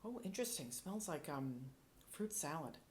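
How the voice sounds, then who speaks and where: A woman's voice: low-pitched, animated, normal speed, darkish tone, slight background noise. A woman sommelier giving casual tasting commentary, thinking aloud with playful, descriptive asides. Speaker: sommelier reviewing wines.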